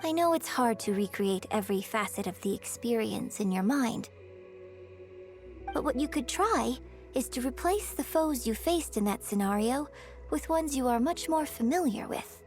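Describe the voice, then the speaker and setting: A woman voices a poised young opera performer in a video game, taking the role of a patient, articulate acting mentor. She speaks in measured phrases, her voice on the high side and somewhat mellow.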